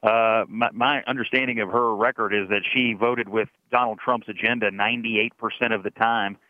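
A man talks as a call-in guest on a radio show, his voice coming through a thin, tinny phone line. He sounds easygoing and agreeable, a little low in pitch, and drops in frequent "uh" fillers. The line is dry and close, with no room sound behind it. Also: fairly even intonation, normal speed, no room sound. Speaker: political guest calling in.

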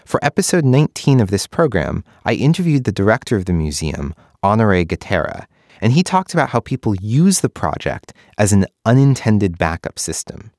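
A man hosting a podcast, narrating from a script in a smooth, measured audio-guide manner. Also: on the low side, big pitch swings, a little mellow, dry recording, clean studio sound. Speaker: podcast host.

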